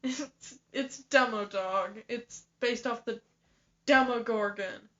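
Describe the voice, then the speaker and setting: A young woman co-hosts a casual podcast, her fairly high, fairly bright voice moving slowly. She giggles and sounds a little hesitant as she explains things, captured on a dull lo-fi home recording.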